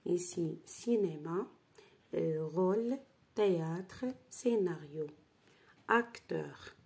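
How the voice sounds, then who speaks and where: A woman's voice: fairly low pitch, drawn-out words, gravelly, a little mellow, husky. A woman teacher walks through a worksheet, spelling out syllables and checking in with "d'accord?". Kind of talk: slow worksheet lesson.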